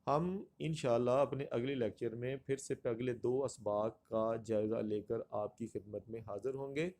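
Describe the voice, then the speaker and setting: Man drilling pronunciation in a slow lecture. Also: mid-range voice, fairly even intonation, a little mellow. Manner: stretches and repeats words to drill their pronunciation; addresses students formally and courteously. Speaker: Urdu teacher. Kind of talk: exam-prep grammar lecture.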